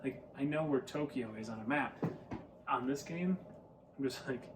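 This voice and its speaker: A man co-host rambles enthusiastically about a board game, full of fillers and quick laughs. He is heard from a little way off the microphone. Clear background noise sits under him. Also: medium pitch, distant mic. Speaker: podcast co-host. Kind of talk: casual chat.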